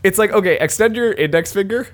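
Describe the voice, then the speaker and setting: A man's voice: high voice, quick pace. A man co-hosting a casual comedy podcast, reading out odd news stories and laughing often. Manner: animated storyteller, laughs often. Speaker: podcast co-host.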